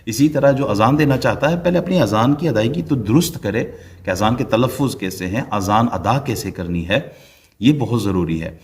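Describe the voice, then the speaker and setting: A man teaching a religious lesson on correct pronunciation, explaining quickly and then chanting short phrases slowly to demonstrate. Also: fairly low pitch, animated, darkish tone.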